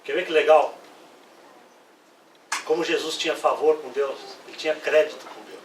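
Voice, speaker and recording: High-voiced pastor preaching in an echoey hall. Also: male voice, moderate pace, slight background noise. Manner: lively preaching, acts out Bible quotes. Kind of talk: sermon. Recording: echoey room, voice from far off.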